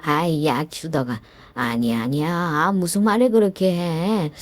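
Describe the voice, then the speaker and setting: A woman's voice: deep voice, measured pace, dry recording. A woman voicing a desperate, groveling middle-aged man who once bullied his classmate, pleading and whiny with many fillers. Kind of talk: story narration with acted dialogue.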